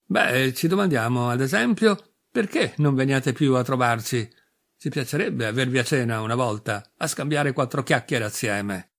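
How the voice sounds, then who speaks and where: A man reading an audiobook and voicing a chatty, prying woman neighbor in a raised, lively voice. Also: medium pitch, moderate pace. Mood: gossipy.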